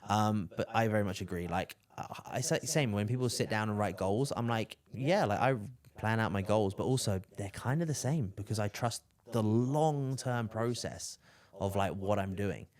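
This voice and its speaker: This podcast host speaks with a fairly low, darkish voice at a moderate pace, barely pausing. He's a young southern English man whose casual chat trails off into fillers and tag questions.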